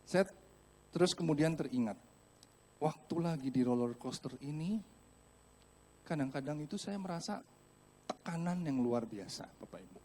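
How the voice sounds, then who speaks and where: A man from Indonesia preaching a sermon in a church, telling a personal story with animated, acted-out voices and speaking directly to the congregation. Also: on the high side, moderate pace, pauses often, slight background noise. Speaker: pastor. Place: church hall.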